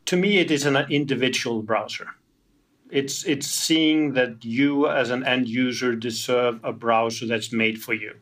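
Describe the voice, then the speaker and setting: A man's voice: mid-range voice, unhurried, a bit bright. A man from Iceland, answering interview questions as a company founder, often repeating words as he restarts. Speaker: tech company founder, guest.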